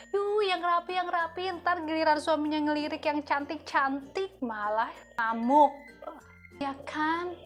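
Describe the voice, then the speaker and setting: A woman with a high, fairly bright voice hosts a casual advice talk for wives about marriage. She's chatty, keeps checking in with her listeners, and tags her lines with "ya kan?".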